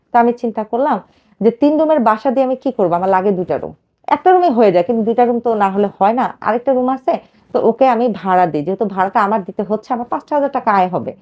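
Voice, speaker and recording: A woman in her thirties pours out her life story in a rapid, emotional rush, stumbling over fillers as she goes. Her voice sits a little high, and the recording sounds slightly muffled. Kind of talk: personal life story told to a radio host.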